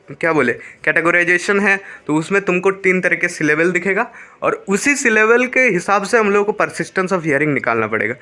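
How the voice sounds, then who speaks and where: Bright-voiced man teaching a lesson. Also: high voice. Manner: explains step by step, repeating key terms; mixes English phrases into Hindi. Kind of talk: classroom physics lesson.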